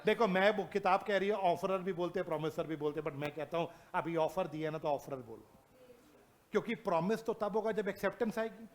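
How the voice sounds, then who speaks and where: A male teacher giving a lively classroom lecture, mixing Hindi and English, asking his students constant questions and reading legal definitions out slowly. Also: high voice.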